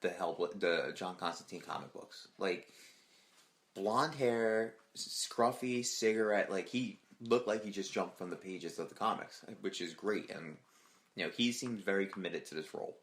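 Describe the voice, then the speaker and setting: A man co-hosting a casual podcast, talking excitedly, swearing freely and acting out quotes. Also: deep voice, normal speed. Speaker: podcast co-host.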